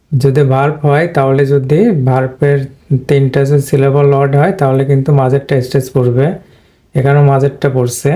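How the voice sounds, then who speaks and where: A medium-pitched man explains English pronunciation point by point in a plain, repetitive whiteboard lesson. His dark, mellow voice barely rises or falls, and he occasionally clears his throat.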